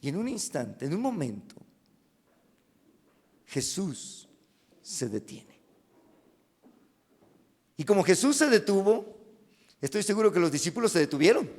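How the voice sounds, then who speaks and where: A man with a Mexican Spanish accent delivers a dramatic sermon in a high, unhurried voice. He builds to loud cries and then sinks to hushed, near-whispered lines. The sound carries a long reverb from the church hall. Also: big pitch swings. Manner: dramatic preaching, rising to loud cries and dropping to hushed asides. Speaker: pastor.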